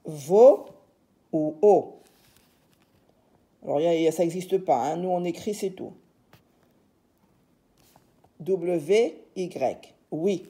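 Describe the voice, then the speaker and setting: A woman teacher works through letters and syllables at a very slow, deliberate pace, sounding out each one patiently. Her voice sits somewhat low and dark, mellow in tone. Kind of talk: reading and spelling lesson.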